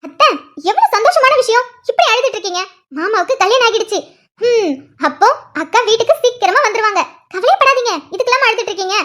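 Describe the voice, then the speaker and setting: Cartoon role: a woman playing a bubbly young niece, very high and fast, reassuring. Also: lively intonation, pushed and bright, full character voice. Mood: cheerful.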